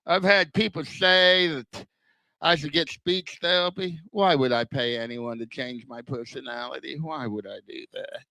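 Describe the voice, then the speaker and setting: An older man doing stand-up comedy with a slurred, whistling lisp, as if missing front teeth, delivering self-deprecating punchlines deliberately. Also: medium pitch, creaky, bright, forceful tone, no room sound, poor audio.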